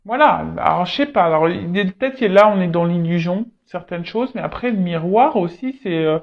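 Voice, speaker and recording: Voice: medium pitch, expressive, moderate pace. Tarot reader talking straight to viewers, keeps stalling and repeating words, kinda muffled lo-fi audio. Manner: hesitant, repeats words, frequent fillers. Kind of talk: unscripted tarot reading addressed to viewers.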